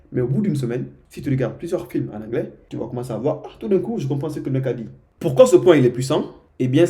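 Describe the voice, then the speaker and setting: A man's voice: mid-range voice, warm tone. A young man from Guinea giving casual, informal advice to his viewers, often repeating himself and checking in with "ok?". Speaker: vlogger giving language tips. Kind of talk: casual direct-to-camera advice.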